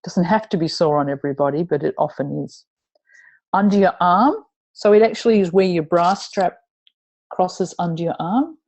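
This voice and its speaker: A woman teaching tapping points in a webinar, guiding listeners through slow repeat-after-me phrases over a video call. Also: lowish voice, a little mellow. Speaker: EFT tapping instructor.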